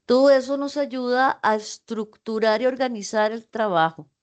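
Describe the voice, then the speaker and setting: A woman's voice: a little high, moderate pace. A woman tutor giving a university class over a video call, explaining writing with frequent rhetorical questions to her students. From Costa Rica. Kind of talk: online class lecture.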